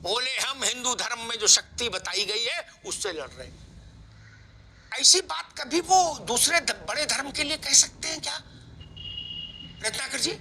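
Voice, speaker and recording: A man with a very high, sharp and lively voice runs a televised debate. He talks over the panel in a commanding way, with faint noise under the studio sound. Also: a little slow, long pauses. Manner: commanding, calls panel to order. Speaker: TV debate anchor. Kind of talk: moderating a TV debate.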